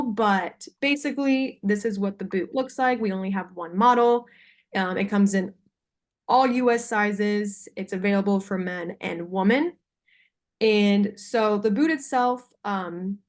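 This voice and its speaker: Informal young woman pitching on a video call. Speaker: salesperson pitching to a buyer. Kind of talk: practice sales call presentation on a video call. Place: video call with screen sharing.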